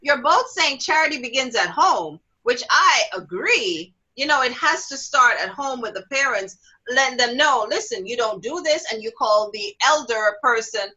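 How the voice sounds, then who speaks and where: A woman's voice: normal speed, breathy edge, low-quality recording. A middle-aged woman hosting a casual talk show, telling stories animatedly and acting out quotes with big jumps in her voice. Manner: animated storyteller, acts out quotes with big pitch jumps, laughs often. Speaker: host.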